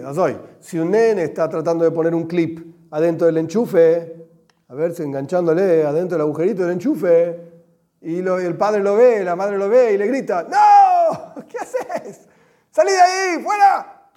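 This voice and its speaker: A man with an Argentine Spanish accent gives a religious class, animated and joking, with Hebrew terms mixed in. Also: fairly high pitch, moderate pace. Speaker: religious teacher. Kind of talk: lively class with everyday examples.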